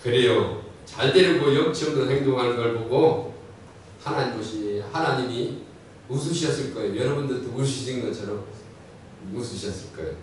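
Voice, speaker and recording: A man preaching a sermon in a church, animated, acting out quoted voices as he speaks. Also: medium pitch, moderate pace, slight background noise. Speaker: pastor. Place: church sanctuary. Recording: echoey church hall, mic far off.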